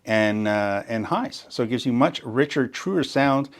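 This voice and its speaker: A man with lively intonation and a mid-range voice talks a little slowly while demonstrating gear. His tutorial takes viewers through a sound system setup step by step, keenly explaining and frequently emphasizing what matters most.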